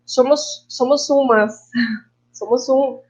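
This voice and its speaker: Colombian woman, halting and reflective. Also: high voice, steady tone, a little mellow, lo-fi sound. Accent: Colombian Spanish. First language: Spanish. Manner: reflective, halting, slips Spanish words into Portuguese. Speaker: guest filmmaker and actress. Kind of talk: online panel talk.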